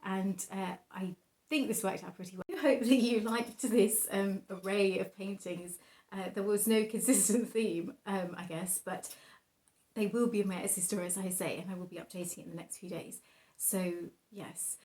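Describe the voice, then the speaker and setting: A woman's voice: medium pitch, fairly even intonation, moderate pace, a little mellow. A young adult woman chatting casually as a painter showing her own work, rambling in a giggly, self-deprecating, hesitant way. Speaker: painter presenting own artwork. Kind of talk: casual rambling vlog chat.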